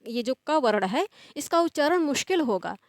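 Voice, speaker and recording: A woman with a high voice teaching a grammar lesson in a steady, explaining tone. She asks a question, then answers it, and slows down to draw out each example word. The recording is close and dry. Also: no room sound.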